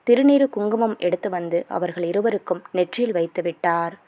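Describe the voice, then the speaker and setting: A woman's voice: lowish voice, a little fast, mellow. A woman narrating a romance novel as a story, reading all the characters' lines in her own voice with small shifts.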